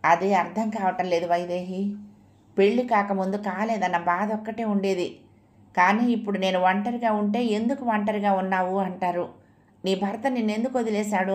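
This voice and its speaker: A woman narrator lends her voice to a young wife in an audio novel, broken and tearful, confessing her fears in halting phrases. Her pitch stays at a middling level. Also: a little mellow, close to an everyday voice.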